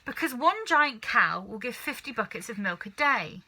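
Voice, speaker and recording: An excitable farmer dad from a children's storybook, acted out by a woman. He exclaims with manic urgency and stretches key words. The voice is very bright and forceful, leaping up and down in pitch. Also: exaggerated voice, rough recording. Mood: exhilarated. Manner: exclaiming, urgent, swooping emphasis with drawn-out words. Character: manic, excitable middle-aged father, a farmer dreaming of riches. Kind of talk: children's storybook character reading.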